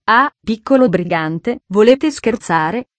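A woman's voice: mid-range voice, lively intonation, takes it slowly, no room sound. Woman playing the sneering Frenchman Blandois. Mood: mocking. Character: boisterous sinister Frenchman, loud and mocking.

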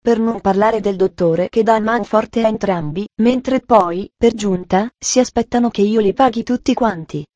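Woman reading as a gruff, sarcastic bedridden man. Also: mid-range voice, moderate pace, hardly any pauses, dark tone, dry recording, muffled recording, lightly acted. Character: grumpy bedridden older man. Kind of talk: audiobook dialogue reading.

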